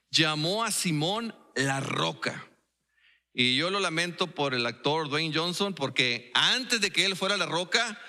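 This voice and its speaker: A man with a Mexican accent delivers a sermon in a playful, storytelling way with jokey asides. His voice sits high and rings very bright. The sound carries a long echo from a church hall. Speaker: preacher. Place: church sanctuary.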